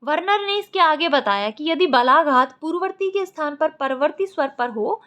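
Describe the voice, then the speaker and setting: A woman's voice: high-pitched, expressive, normal speed, bright, forceful tone. A woman teaching an exam-prep lecture, explaining step by step and repeating the key points. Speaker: Sanskrit teacher.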